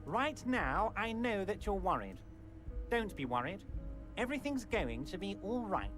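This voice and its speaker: A man's voice: high voice, very animated, measured pace. An actor playing a huge, jovial and manipulative male union boss who talks in smarmy, falsely reassuring tones in a video game. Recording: game music behind.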